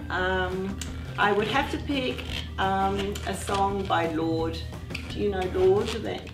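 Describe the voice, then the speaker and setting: A woman's voice: mid-range voice, slow pace. A woman from New Zealand with a New Zealand accent, an artist answering interview questions in an easygoing, chatty way with many fillers. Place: art studio. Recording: roomy studio, voice far from the mic, music behind.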